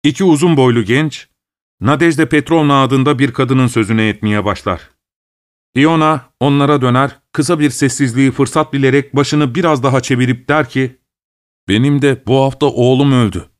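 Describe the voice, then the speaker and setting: A man reads a story aloud in a calm, measured way, with a voice of middling pitch. His delivery is steady and unhurried. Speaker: narrator. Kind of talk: audiobook story reading.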